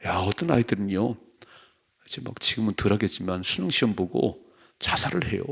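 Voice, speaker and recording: Male pastor, husky and gravelly, dawn sermon, emphatic and questioning. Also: lowish voice, expressive, brisk, fairly bright tone.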